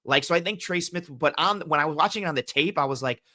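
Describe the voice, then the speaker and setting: A man's voice: fairly high pitch, quick pace, no room sound, clean studio sound. A man analyzing football as a guest on a casual sports podcast, telling stories animatedly and acting out what others said. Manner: animated storytelling with quoted voices.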